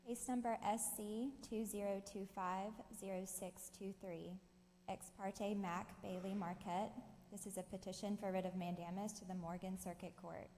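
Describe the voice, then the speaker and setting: A woman's voice: medium pitch, steady tone, normal speed, warm tone. A woman making a formal, scripted announcement as a court clerk. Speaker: court clerk calling a case. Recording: echoey hall, faint noise.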